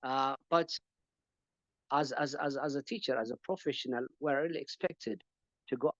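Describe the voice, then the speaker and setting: A man's voice: mid-range voice, normal speed, fairly bright tone, no echo, highs cut off. A man from Ethiopia answering questions as a panelist in an online teaching webinar, talking hesitantly with many fillers and repeated words.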